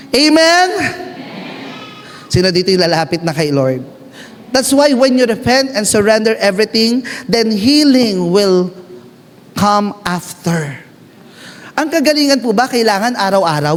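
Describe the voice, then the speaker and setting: A Filipino man preaching a sermon, mixing Tagalog and English, calling out to the congregation and acting out prayers. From Philippines. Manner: switches between Tagalog and English, calls out to the congregation; shifts pitch often, acts out prayers and asides. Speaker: pastor. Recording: long hall reverb.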